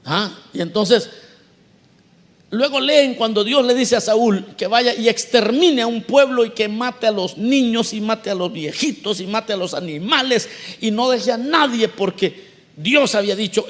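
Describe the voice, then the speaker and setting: A male pastor preaching a sermon in a conversational way, asking the congregation questions and acting out quoted voices. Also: unhurried. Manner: acts out quoted voices with big swings of pitch and loudness.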